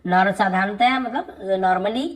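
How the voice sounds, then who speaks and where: A woman gives an online pronunciation lesson in an even, mid-pitched voice. She says example words slowly, one by one, and stops now and then to ask whether it is clear. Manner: patient, repeats example words slowly and often; asks learners check questions. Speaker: English pronunciation teacher.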